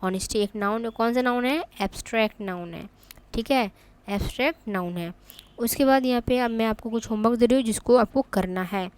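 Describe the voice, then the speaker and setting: A woman teaching an exam-prep grammar lesson, often pausing on "ठीक है" and spelling examples out slowly. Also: a little high, darkish tone, clear, resonant tone.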